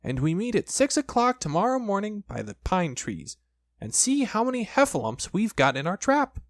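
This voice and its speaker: Give this to a little piglet in a children's storybook. The voice is squeaky and very high, with an excitable, childlike lilt. He is timid at heart but eager to sound brave. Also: normal speed, dry recording, studio quality. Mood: chirpy.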